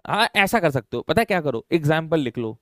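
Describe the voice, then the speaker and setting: एक पुरुष शिक्षक कक्षा में रसायन पढ़ाते हुए, हिंदी और अंग्रेज़ी मिलाकर फुर्ती से और छात्रों को छेड़ते हुए बोलता है।. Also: male voice, on the high side, sing-song, a bit bright, dry recording, clean studio sound. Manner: brisk, teasing, mixes Hindi and English. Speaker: chemistry teacher. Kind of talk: classroom lecture. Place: classroom.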